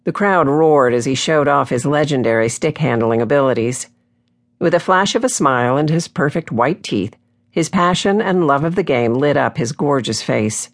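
A woman reading a romance novel aloud in a smooth, even storytelling way, recorded close on a studio microphone. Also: deep voice, normal speed. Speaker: audiobook narrator. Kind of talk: scripted audiobook narration.

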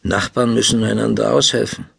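Friendly, hardworking young weaver lad, read by a man: low-pitched, with a heavily gravelly, raspy voice. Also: steady tone, a little fast, a bit bright, full character voice. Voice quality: gravelly husky. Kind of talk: audiobook dialogue.

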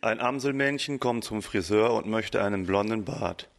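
A man's voice: lowish voice, moderate pace, gravelly. A man reading his own humorous story aloud in a dry, amused way for an audiobook.

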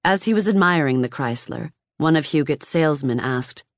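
Measured audiobook narrator, dry booth sound. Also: mid-range voice, lively intonation, no room sound. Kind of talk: scripted nonfiction narration.

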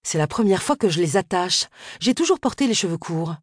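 A woman voicing a sharp-tongued, prickly retired woman in an audiobook, with curt, tart replies. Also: lowish voice, expressive, a little fast, no echo, studio quality, pitched above the performer's own voice.

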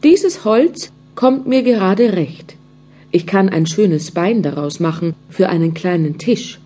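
A woman's voice: mid-range voice, expressive, slow pace, warm tone, faint music behind. A woman voicing an old male carpenter who talks to himself and gets easily frightened, in a storybook. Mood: cheerful. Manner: talks to himself, stammering when scared.

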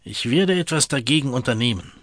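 A man's voice: medium pitch, expressive, brisk, a bit bright, dry recording, clean studio sound, lightly acted. A man voicing a cruel, envious bailiff who speaks in an imperious, angry tone, in a storybook reading. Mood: domineering.

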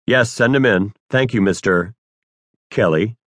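A man voicing a blasé, bored male casting director in an audiobook memoir, giving curt, flat orders. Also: on the low side, a little slow, dry recording, studio quality.

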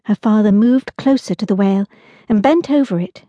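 A woman narrating a children's audiobook in a lively, expressive storytelling manner. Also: mid-range voice, moderate pace, no room sound, lo-fi sound.

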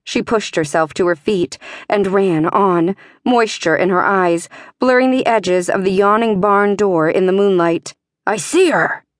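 A woman narrating a fantasy audiobook in a measured, tense way. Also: mid-range voice, no echo, clean studio sound.

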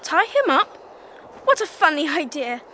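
The Little Prince, very high child voice. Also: female voice, sing-song, unhurried, pushed and bright, slight background noise, exaggerated voice. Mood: curious. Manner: insistent, questioning. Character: small, insistent, innocent boy prince from another planet. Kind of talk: radio drama acting.

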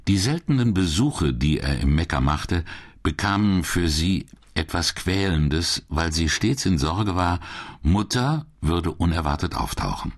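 A man narrating a classic crime audiobook in a measured, expressive reading style. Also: sits low. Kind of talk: scripted narration.

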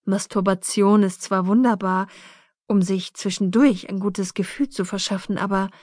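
A woman's voice: mid-range voice, steady tone, normal speed, a little mellow, dry recording, clean studio sound, close to an everyday voice. Woman reading as a breezy, unembarrassed mother. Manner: breezy and matter-of-fact. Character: frank free-spirited mother, therapist, unembarrassed.

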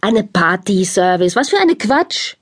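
A woman voicing a hot-tempered older Italian father who owns a restaurant, speaking broken German with an Italian accent and loud outbursts. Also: medium pitch, big pitch swings, unhurried. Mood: scornful.

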